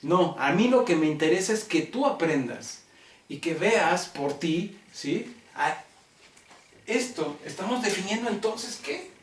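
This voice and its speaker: A man with a Mexican accent teaching a logic class, talking deliberately and constantly checking that students follow. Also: sits high, lively intonation, a little hiss or hum. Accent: Mexican Spanish. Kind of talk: classroom lecture. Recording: roomy classroom, mic far off.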